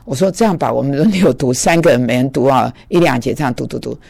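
A man telling a conversion story in a sermon, acting out the dialogue and stammering when excited. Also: mid-range voice, quick pace, vocal fry. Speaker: preacher giving testimony.

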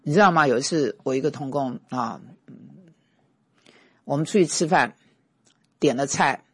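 A middle-aged man, a pastor and teacher telling personal stories in a conversational sermon, emphatic and given to forceful bursts. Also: medium pitch, moderate pace, husky, no echo, clean studio sound.

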